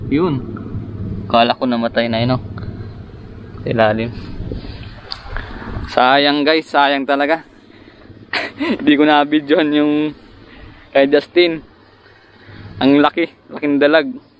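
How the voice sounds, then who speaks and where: A man vlogging while fishing outdoors, chatting to viewers and breaking into excited bursts at each bite. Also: fairly high pitch, slow, pauses often, a little hiss or hum. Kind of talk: casual fishing vlog narration. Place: outdoors by the water, rural.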